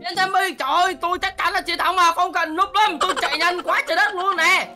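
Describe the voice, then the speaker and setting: A boastful, gluttonous duck played by a woman in a children's game cartoon. The voice is extremely high and forceful, exclaiming and repeating itself excitedly over music. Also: quick pace. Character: boastful, gluttonous male duck racer in a kids' game skit. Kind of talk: animated Minecraft skit voice acting. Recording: music behind the voice.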